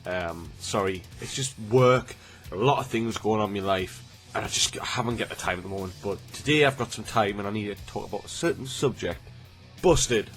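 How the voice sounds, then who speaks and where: With faint music behind him, a Newcastle man in his 20s talks to camera as a YouTuber, his voice lowish, brisk and a little bright. He has a cold that makes him slightly snotty, and his chat rambles with restarts.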